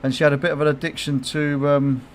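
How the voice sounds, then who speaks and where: A man's voice: fairly high pitch, little pitch movement, quick pace, slight background noise. A middle-aged man chatting casually on his game livestream, swearing freely, laughing often and reacting to chat comments. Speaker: game streamer.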